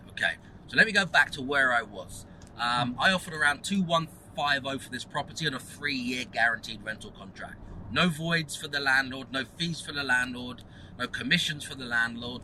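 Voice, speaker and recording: A man's voice: medium pitch, sharp tone, slight background noise, rough recording. A man, a property investor hosting his own channel, gives a casual teaching monologue. He talks emphatically, repeats phrases and keeps asking rhetorical questions.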